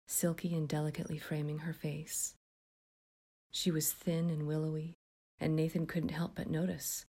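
A woman narrating a scripted horror story in a hushed, often whispered delivery. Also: sits low, husky.

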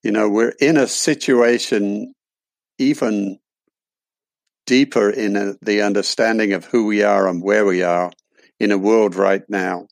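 Low-voiced older Englishman, deliberate and reflective. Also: steady tone, gravelly, no echo. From London, England. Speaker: podcast guest. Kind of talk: reflective explanatory interview talk.

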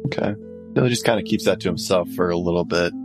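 A man's voice: low-pitched, fast talker, over loud music. A man playing a tabletop role-playing game, casually chatting and asking questions in and out of character.

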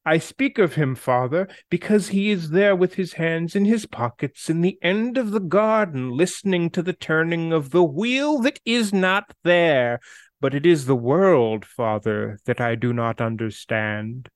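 A man's voice: a little high, lively intonation, no room sound, studio quality. A man reading a poem in the voice of a cartoon mobster villain, tagging lines with "see?". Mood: mock-gangster reading. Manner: gangster "see?" tag, drawn-out slow lines.

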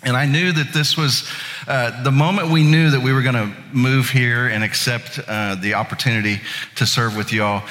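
In a church sanctuary with long reverb, a pastor from Indiana in his late thirties tells a folksy story at his own expense as part of a casual sermon. He speaks at a normal speed in a medium-pitched, slightly bright voice with fairly even intonation.

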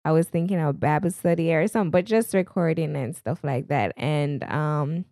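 Woman, Jamaican accent, podcast co-host, casual, slightly low pitch, dry close sound. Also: moderate pace, dark tone, dry recording. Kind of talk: casual chat, self-introduction.

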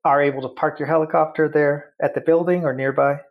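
A man's voice: on the high side, steady tone, a little fast, creaky, highs cut off. A man hosting an interview podcast, asking questions in a friendly, joking, casual way. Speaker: podcast host.

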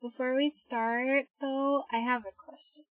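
A woman's voice: high-pitched, fairly even intonation, unhurried, no room sound, poor audio. A young woman co-hosting a podcast, chatting in a casual, teasing way and laughing often. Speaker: podcast co-host.

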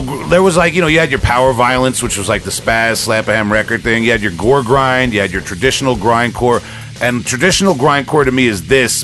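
On his casual music podcast, a man rambles with a fan's enthusiasm over background music. His voice is mid-range and a bit bright.

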